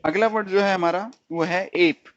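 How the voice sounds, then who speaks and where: A man teaching a stenography lesson, asking his students questions and answering them himself, repeating each sound slowly. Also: high voice, highs cut off, a little hiss or hum. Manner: slips into English definitions. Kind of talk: recorded shorthand lesson.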